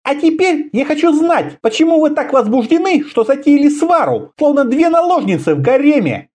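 A man's voice: very high voice, sing-song, normal speed, voice pushed up, heavily acted. A man reading an audiobook, voicing a fierce young female bandit leader who mocks and barks orders. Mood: threatening. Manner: mocking, bossy, shouting orders.

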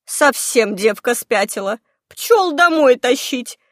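A woman's voice: a little high, animated, slow pace, no room sound, studio quality. Woman putting on a fussy pious old aunt. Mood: alarmed scolding. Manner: scolding, crossing herself, lamenting.

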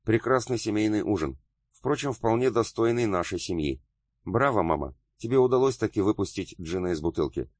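A man's voice: fairly low pitch, expressive, fairly quick, no echo, studio quality, voice pushed up. A man voicing a sardonic grown-up son in an audiobook, with an ironic, pensive delivery.

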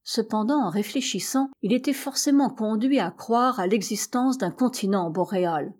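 Husky woman reading an old adventure novel, mellow dark tone, steady and expressive. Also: fairly high pitch. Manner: measured and expressive, with dramatic rises for shouts. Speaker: audiobook reader. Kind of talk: literary audiobook narration.

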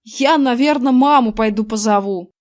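A woman's voice: on the high side, normal speed, lightly acted. A woman doing a flustered nervous boy. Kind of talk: audiobook character reading.

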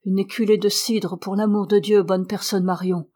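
A woman's voice: mid-range voice, level tone, normal speed, dark tone, close to an everyday voice. A woman reading the part of a frightened, feverish old male servant with a trembling, quavering voice.

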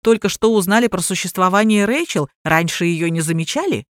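A woman reading an audiobook voices a calm, sarcastic police major who gives dry, mocking orders. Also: fairly low pitch, a little fast, no echo, lightly acted.

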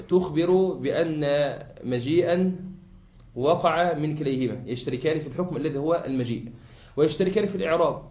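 A man with an Egyptian Arabic accent teaching a classroom lesson, explaining a text patiently and quizzing his listeners with fill-in questions. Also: fairly high pitch. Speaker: sheikh teaching a grammar text. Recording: echoey room, muffled lo-fi sound.

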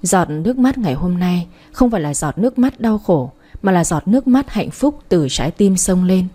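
A woman's voice: on the low side, expressive, moderate pace, mellow. A woman narrating a romance story in the first person, in a heartfelt, emotional way.

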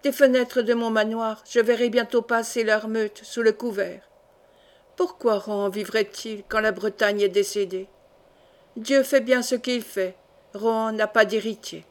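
A woman's voice: fairly high pitch, steady tone, unhurried, natural voice. A woman reading the part of a proud, grieving old count in a solemn, grave tone.

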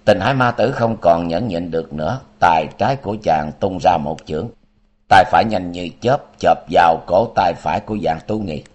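A man's voice: deep voice, normal speed. A man narrating a martial-arts novel as an audiobook with dramatic storytelling.

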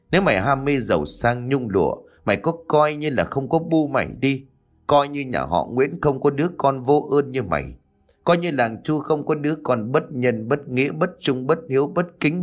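A man's voice: mid-range voice, natural voice. A man voicing an anguished old village mother who scolds her son in a choked, tearful voice.

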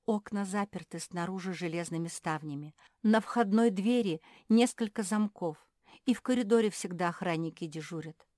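A woman's voice: fairly low pitch, moderate pace, a little mellow, no echo, natural voice. A matter-of-fact male terrier from a storybook, read by a woman, level and plain, only lightly lifted from her own voice. The recording is dry and close.

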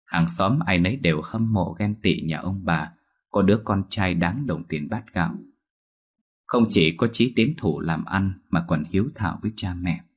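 A man narrating a ghost story in a slow, somber storytelling tone. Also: deep voice, slightly rough.

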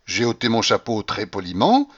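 A man reading a classic novel aloud as an audiobook, with a dramatic, expressive delivery that acts out the scenes. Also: moderate pace, husky, dull audio. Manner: dramatic, shifts pitch to act out scenes. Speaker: audiobook reader. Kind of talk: expressive literary narration.

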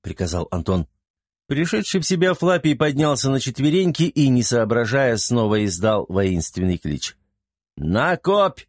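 A man's voice: medium pitch, big pitch swings, moderate pace, a little mellow, no echo. Male audiobook narrator, dry sound. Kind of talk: scripted fantasy narration.

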